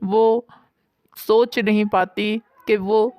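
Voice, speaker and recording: Lady reading a bedtime story, steady, dry close mic. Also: medium pitch, drawn-out words, dry recording, dull audio, faint music behind.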